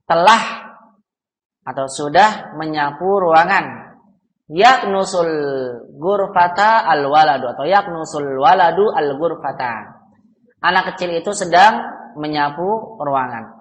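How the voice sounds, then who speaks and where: A man's voice: fairly high pitch, fairly bright tone. A man teaching an Arabic grammar class, patiently drilling students with questions and having them answer back. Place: mosque hall. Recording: roomy hall with long reverb.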